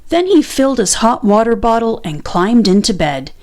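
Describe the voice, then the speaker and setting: A woman with a fairly high voice reads a children's picture book aloud, telling the story in an expressive, deliberate way.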